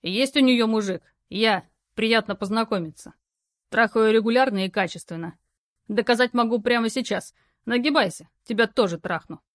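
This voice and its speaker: A woman voicing a gruff, burly male courier who talks curtly and in rough slang. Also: a little high, normal speed, no echo, clean studio sound, natural voice.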